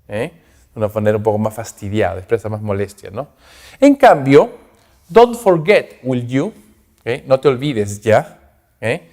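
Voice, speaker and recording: A man teaching an English grammar class to students, explaining example sentences and checking in constantly with quick questions. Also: mid-range voice, warm tone. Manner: switches between Spanish and English example sentences; addresses students directly. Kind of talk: recorded class lecture.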